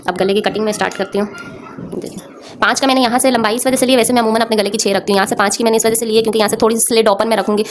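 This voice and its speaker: A sewing tutorial host with a fairly high, steady voice races through a craft step by step, informally and with background noise behind her. Her throat is sore, so she clears it often, and she keeps checking in with viewers using little tag questions.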